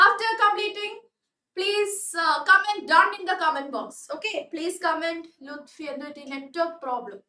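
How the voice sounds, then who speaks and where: High-voiced Malayali woman teaching in an echoey room. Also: extremely slow, pushed and bright, recorded from a distance. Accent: Malayali English. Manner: coaxing, checks understanding often. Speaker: online tuition teacher. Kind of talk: live online class, mixing Malayalam and English.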